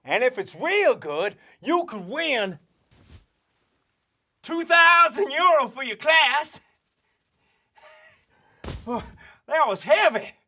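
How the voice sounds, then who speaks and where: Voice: sits high, sing-song, takes it slowly, pauses often, full character voice. A performer voicing a goofy cowboy sheriff mascot for kids in a put-on American cowboy drawl, hammy and showy. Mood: hammy cheerful. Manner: hammy, showy, yelling catchphrases. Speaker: road-safety mascot addressing children. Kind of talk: scripted kids' safety promo.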